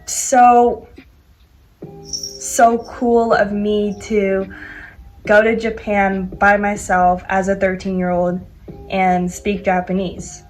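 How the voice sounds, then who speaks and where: Speaking slowly and flatly in a mid-range voice, an American teen vlogger talks casually to the camera, leaning heavily on "like" and "um." The recording is low-quality, with faint background music.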